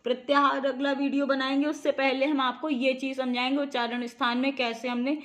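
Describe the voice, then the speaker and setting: Brief: high-pitched woman tutor, repeats each point and quizzes the viewer on grammar for exam prep. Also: flat delivery, brisk. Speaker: teacher.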